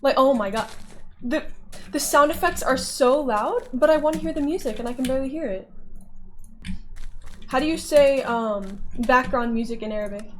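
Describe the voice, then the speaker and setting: A woman gaming vlogger rambles casually and candidly as she plays, joking at her own expense in a chatty, self-deprecating way. Her voice is high, her pace moderate with long pauses, and there's slight background noise.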